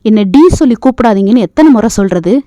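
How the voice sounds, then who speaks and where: A woman voicing a proud, sharp-tongued young woman in an audio novel. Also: fairly high pitch, expressive, fast talker, no echo, natural voice. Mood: irritated. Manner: pleading, then irritated and sarcastic. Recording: dull lo-fi dry recording.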